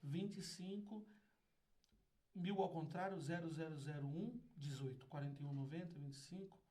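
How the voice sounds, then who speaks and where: A man's voice: fairly high pitch, moderate pace. A Brazilian man with a Brazilian Portuguese accent, telling stories as a podcast guest, laughing and acting out voices with lots of energy. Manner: exuberant, laughing, acts out voices loudly. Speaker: guest, community founder. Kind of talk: animated storytelling.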